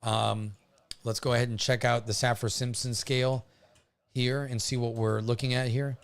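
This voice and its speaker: A man with a mid-pitched voice hosts a live weather stream covering a hurricane, chatting casually and commenting as things unfold. His delivery halts with frequent hesitations, and he keeps a level tone with some vocal fry.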